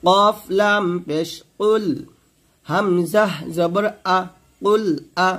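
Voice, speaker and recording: A man's voice: high voice, steady tone, drawn-out words, fairly bright tone. A man with a Bangladeshi Bengali accent, a Quran teacher giving a word-by-word pronunciation lesson. He spells out syllables one by one, drawls the recited words and asks the listener to repeat after him.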